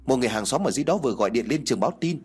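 A man doing a hurried, shaky young friend. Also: medium pitch, lively intonation, darkish tone, husky. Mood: urgent. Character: anxious young male friend bringing bad news.

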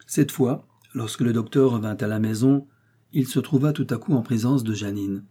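A man reading a novel aloud, with steady, measured narration. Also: medium pitch, husky. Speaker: reader.

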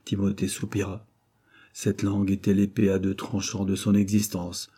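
A man reading a classic novel aloud as audiobook narration, in a steady, measured manner. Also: low-pitched, slightly rough. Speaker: audiobook reader.

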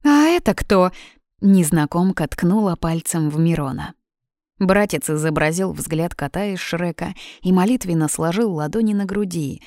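A woman's voice: on the low side, normal speed, mellow, dry recording, clean studio sound. A woman reading an audiobook in scripted narration, with a lightly ironic storytelling manner.

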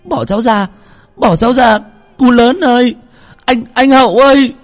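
A man's voice: extremely high pitch, normal speed, faint music behind, voice pushed up. A man doing a screaming terrified little boy. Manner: wailing, sobbing cries.

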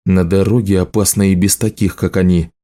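A man's voice: deep voice, a little fast, natural voice. A man voicing a grim, terse demon-fighter. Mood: curt. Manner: curt, flat, unmoved. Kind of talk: audiobook reading.

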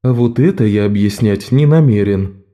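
A man voicing a gruff, curt male companion in an audiobook. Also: on the low side, normal speed, mellow, close to an everyday voice. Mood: defiant.

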